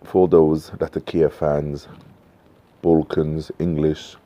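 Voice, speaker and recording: A man in his fifties chatting casually to camera outdoors, in an unhurried, musing manner with frequent pauses. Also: extremely low pitch, level tone, highs cut off. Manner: unhurried, musing, pausing often. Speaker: pipe tobacco reviewer. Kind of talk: casual vlog chat. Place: covered porch outdoors at night. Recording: noisy home-made outdoor recording.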